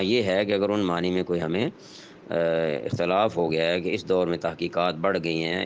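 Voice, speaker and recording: A man giving a religious lesson, explaining step by step in a measured way, pausing often with fillers. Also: low-pitched. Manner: measured explanatory delivery with frequent hesitation fillers. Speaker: Islamic teacher. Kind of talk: religious lecture. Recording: dull lo-fi sound with faint noise.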